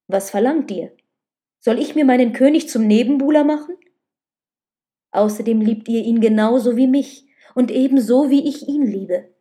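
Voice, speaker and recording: A woman reading the lines of a tender, passionate noblewoman in a storybook, soft and pleading, sometimes urgent. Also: medium pitch, normal speed, close to an everyday voice.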